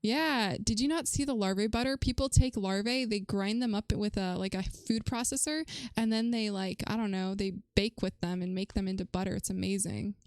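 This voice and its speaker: A woman live-streaming a game from home, chatting casually and rambling, prone to shrill startled shrieks. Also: fairly even intonation, moderate pace, few pauses, darkish tone, no room sound, clean studio sound. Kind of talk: casual live-stream chat while gaming.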